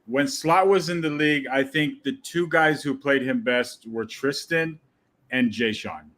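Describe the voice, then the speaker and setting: A man's voice: mid-range voice, measured pace, a bit bright. A man co-hosting an online sports show, agreeing often and chiming in. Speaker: co-host. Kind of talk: casual sports chat.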